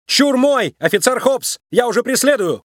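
A man voicing a small, determined young female rabbit police officer in a storybook reading, earnest and quick to shout commands. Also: high-pitched, sing-song, no room sound, studio quality, pitched above the performer's own voice.

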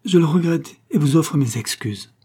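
A man's voice: a little high, animated, normal speed, a little mellow, slightly rough, pitched above the performer's own voice. A man reading the lines of a passionate, jealous young husband, eager and questioning.

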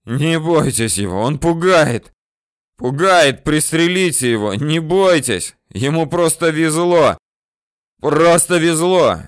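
A man's voice: mid-range voice, slow, a bit bright, clear, resonant tone, dry recording, clean studio sound, voice pushed up. A man voicing a wounded bandit chief who screams orders and wheezes vicious curses. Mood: shouting.

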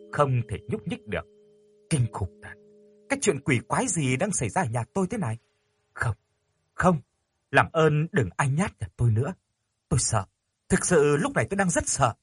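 Expressive male ghost-story narrator. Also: medium pitch, husky. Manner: expressive, dramatic.

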